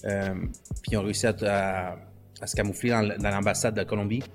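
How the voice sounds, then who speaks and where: A man's voice: fairly low pitch, little pitch movement, fast, music in the background. A man with a Quebec French accent telling his story in a casual conversation, slipping English slang into his French. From Canada. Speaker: guest.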